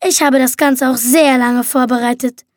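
A woman's voice: fairly even intonation, normal speed, no echo, clean studio sound, close to an everyday voice. A woman reader voicing a vengeful, cold young woman who mocks her captives in an audiobook. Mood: mocking. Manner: icy, mocking, shrill when enraged. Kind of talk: audiobook reading.

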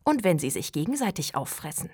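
A woman's voice: on the low side, big pitch swings, a little fast, a little mellow, husky, no echo, studio quality. A woman reading aloud, voicing a grumbling young boy who likes to spook the others.

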